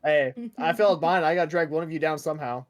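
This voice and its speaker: A man's voice: a little high, fairly even intonation, fast talker, faint music behind. A man playing a video game with friends, teasing them and reading the game's text aloud with dramatic flair. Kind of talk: casual gaming chat and playful narration.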